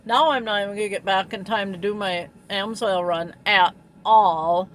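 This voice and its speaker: A woman's voice: medium pitch, fairly bright tone, a little hiss or hum, rough recording. A woman truck driver casually telling a story, rambling with lots of ums and little laughs.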